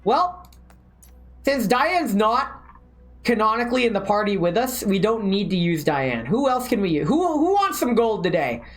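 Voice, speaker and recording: A woman's voice: medium pitch, sing-song, moderate pace, faint music behind. A woman game streamer reading a story aloud and adding casual commentary.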